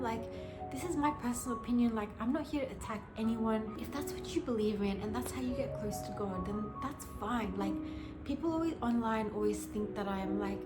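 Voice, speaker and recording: A young woman from Australia, telling her life story to camera in a casual, earnest way, full of "like" fillers. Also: mid-range voice. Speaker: vlogger. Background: music.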